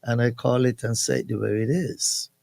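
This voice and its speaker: A man's voice: mid-range voice, steady tone, normal speed, creaky, warm tone, dry recording. A man from Saint Kitts with a Kittitian accent, speaking emphatically and plainly as a guest in a radio interview. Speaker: guest, national security advisor. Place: radio studio.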